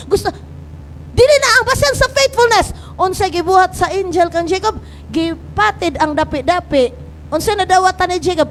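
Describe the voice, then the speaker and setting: A woman pastor preaching a sermon in a mix of Cebuano and English. She swings between excited, high exhortation and low, earnest passages, and she calls on the congregation to repeat key words. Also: slight background noise, rough recording. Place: church sanctuary.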